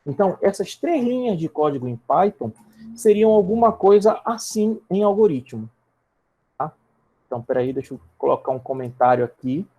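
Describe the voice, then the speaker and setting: Very animated and high-voiced, this Brazilian man speaks at a moderate pace with a dark tone while teaching programming online. He walks students through each step and checks on them frequently. His typing makes him repeat and restart words.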